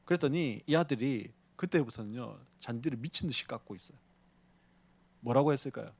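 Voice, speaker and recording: A man's voice: mid-range voice, expressive, a little fast, gravelly, darkish tone, breathy edge. A male pastor preaching a sermon, telling a story and often putting questions to the congregation. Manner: tells a story to illustrate his point.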